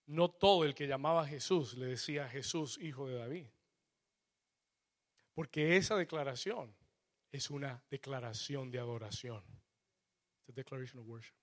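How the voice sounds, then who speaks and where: A blind man preaching a sermon, swinging between loud shouts and low murmurs and dropping into English asides. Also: moderate pace.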